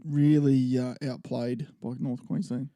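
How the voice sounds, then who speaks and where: A man's voice: medium pitch, little pitch movement, unhurried, dark tone, no echo. An Australian man hosting a casual podcast over beers, making dry, wry remarks. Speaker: podcast host.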